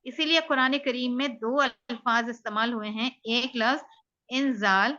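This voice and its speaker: Bright-voiced female student reading aloud. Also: a little high, dull audio. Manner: steady reading, short replies to teacher. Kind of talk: reading a lesson aloud and answering.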